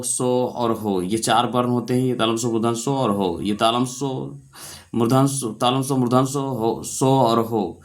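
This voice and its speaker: A man teaching a grammar lesson, asking questions and answering them himself, repeating key points. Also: medium pitch. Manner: repetitive, quizzing questions then answering them. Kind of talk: classroom lesson explanation.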